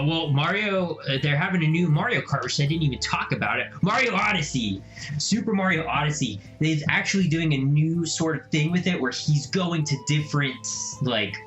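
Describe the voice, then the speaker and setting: Excitable young man in an echoey room. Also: a little high, lo-fi sound. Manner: animated, jumps into mocking silly voices. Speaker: gaming video host. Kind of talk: excited casual vlog reaction. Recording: echoey room, faint music.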